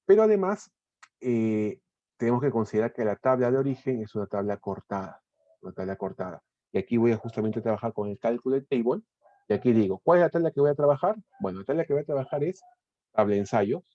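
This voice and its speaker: A man teaching a software tutorial, explaining step by step, often restarting words and checking in with his listeners. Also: mid-range voice, lively intonation, fast talker, no echo, muffled recording. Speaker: instructor. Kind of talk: screen-recorded software tutorial.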